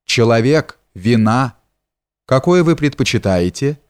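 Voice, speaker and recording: A man reading the part of a worldly, talkative gentleman in an audiobook, with a smooth, familiar, teasing manner. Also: mid-range voice, animated, a little slow, dry recording, studio quality, lightly acted. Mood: amiable.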